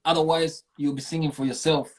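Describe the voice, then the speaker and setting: Slightly fast and flat in delivery, this man's voice runs on the high side. He's from Bulgaria, a singer and street performer telling stories as a casual interview guest, earnest and emphatic, with slang and occasional swearing.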